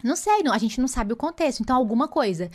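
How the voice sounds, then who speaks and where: A woman's voice: high-pitched, lively intonation, very fast. Woman teaching English pronunciation. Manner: explains patiently, drawls out English example phrases to show pronunciation. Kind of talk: online language lesson.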